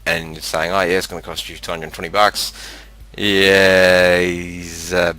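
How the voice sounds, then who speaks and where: Talking casually over a screen capture, an Australian man presenting a video game delivers his words flatly, haltingly and with much rambling. His voice is very low, forceful and bright. A cheap, ordinary headset mic adds a slight crackle, and a fan runs nearby.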